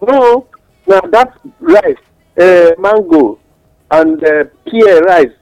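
A man's voice: high-pitched, very animated, slow, darkish tone, dry recording, lo-fi sound. A man with a Nigerian accent explaining things in West African Pidgin English, teaching through examples and rhetorical questions as a radio guest giving advice.

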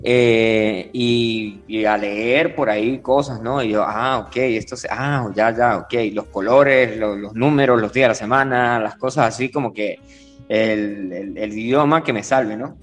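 A man, casually telling funny anecdotes as a lively storyteller who restarts often. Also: on the low side, measured pace, faint music behind.

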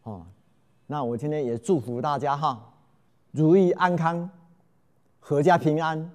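A man telling parables in a lecture to an audience, with dramatic swings in loudness and frequent drawn-out fillers. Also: a little high, fairly even intonation.

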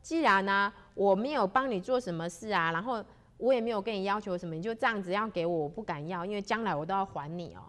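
A woman's voice: a little high, sing-song, normal speed, fairly bright tone, pitched above the performer's own voice. A woman voicing a stubborn, devout male Taoist hermit who talks in an earnest, insistent way.

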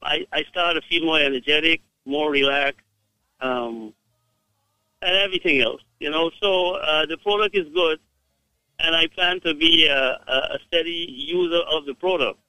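Brief: caller from Guyana, male, bright dry voice, hesitant and polite. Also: a little high, normal speed, no room sound, poor audio. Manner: hesitant, polite, with many fillers. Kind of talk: phone-in testimonial.

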